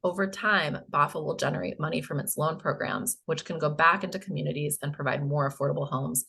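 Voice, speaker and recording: Woman, American accent, low pitch, croaky frog-in-throat hoarseness, public presentation. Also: fairly quick, pushed and bright. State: hoarse, coughing. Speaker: presenter, housing finance agency staff.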